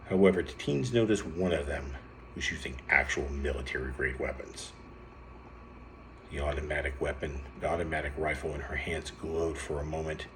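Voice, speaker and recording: A man reading an adventure story aloud in a lively way, with sudden lifts in pitch and some stumbles over words. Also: slight background noise.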